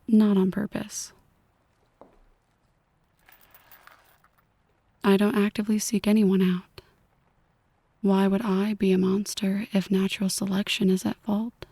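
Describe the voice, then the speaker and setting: A woman whispers breathily as a possessive, brooding mafia boss in an ASMR roleplay, addressing one listener deliberately and intimately. Her medium-pitched voice is level and warm, with no echo, and she comes across as quietly menacing.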